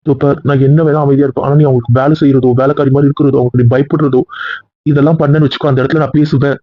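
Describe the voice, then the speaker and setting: A man's voice: mid-range voice, little pitch movement, very fast, no echo, natural voice. A man acting as a worried husband who pleads with his wife and grows heated, in an amateur serial drama. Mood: firm. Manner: pleading, then heated and insistent. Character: worried, possessive young husband. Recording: dry, tinny phone-like recording.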